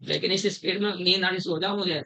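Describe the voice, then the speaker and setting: A middle-aged man teaching a chemistry class, slowly repeating terms, quizzing his students and calling them "beta". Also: high-pitched, fairly even intonation, gravelly, sharp tone, rough recording. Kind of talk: classroom lecture.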